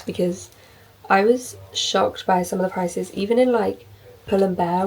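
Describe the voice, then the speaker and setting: A young woman chatting casually in a vlog, upbeat and full of fillers like "like", her voice a little hoarse. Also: medium pitch, a little mellow, far from the mic, rough recording. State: slightly hoarse. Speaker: vlogger.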